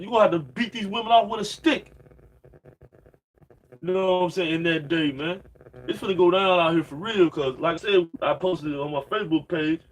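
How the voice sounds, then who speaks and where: A man in his late thirties, a religious preacher, gives an informal sermon and reads scripture, rambling in slang and stuffing nearly every sentence with "man" and "you know what I'm saying." His voice sits high with a breathy edge, and the recording is low quality.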